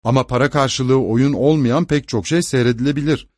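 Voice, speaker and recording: A man's voice: mid-range voice, moderate pace, darkish tone, no room sound, studio quality, close to an everyday voice. A man voicing a wry male law clerk in an audiobook.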